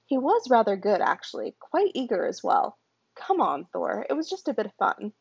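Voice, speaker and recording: A woman's voice: a little high, big pitch swings, moderate pace, vocal fry, husky, heavily acted. A woman reading the lines of a smug, teasing female trickster who mocks her brother. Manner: mocking, teasing. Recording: dull lo-fi home recording.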